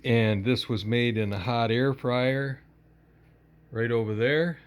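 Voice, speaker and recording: A man's voice: medium pitch, fairly even intonation, clear, resonant tone. A man casually showing off a home-cooked snack in a chatty, folksy cooking vlog from his cabin kitchen, filmed on a handheld phone. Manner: folksy, chatty, unhurried show-and-tell.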